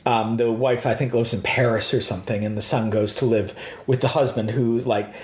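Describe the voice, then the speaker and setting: A man's voice: mid-range voice, steady tone, brisk, a little mellow. American guy chatting loosely, lots of ums and likes, echoey room sound. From United States. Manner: rambling, hesitant, lots of "um" and "like". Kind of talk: casual chat. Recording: roomy echo.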